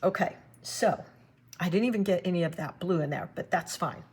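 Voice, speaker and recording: A woman giving a relaxed watercolor painting demonstration, thinking aloud as she works and chatting to her viewers. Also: on the low side, moderate pace, slightly rough. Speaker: watercolor art teacher.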